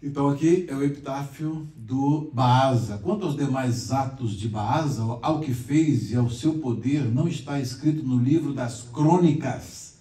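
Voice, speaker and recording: Brazilian pastor-teacher, chatty explainer, mellow tone, distant mic in echoey classroom. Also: male voice, medium pitch, unhurried. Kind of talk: conversational Bible class teaching. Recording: echoey room, mic far off.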